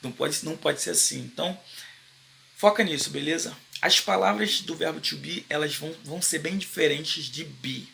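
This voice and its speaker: A man with a Brazilian Portuguese accent teaching a casual online English lesson, speaking in slangy informal Portuguese and slowly repeating the English phrases for his learners. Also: a little high, creaky, bright, forceful tone, a little hiss or hum. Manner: slow, drawn-out repetition of English phrases for learners; informal, slangy Brazilian Portuguese with frequent "beleza?" check-ins.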